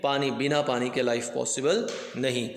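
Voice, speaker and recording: A man's voice: mid-range voice, flat delivery, moderate pace. A man teaching a science lesson in Hindi, explaining with everyday examples, checking in with the class and slipping into English terms. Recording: echoey room with long reverb.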